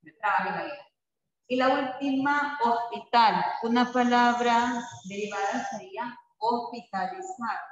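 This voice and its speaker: A man's voice: very high voice, unhurried, a bit bright. A man teaching a spelling lesson to a class, patient and checking in with frequent tag questions. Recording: echoey classroom, far from the mic, dull.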